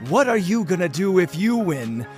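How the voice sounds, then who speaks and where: In an audio drama, a man plays a flamboyant, cynical game show host, slick and mocking, with theatrical condescension. His high-pitched, sing-song voice stretches each line into showy, bombastic TV presenting over loud music.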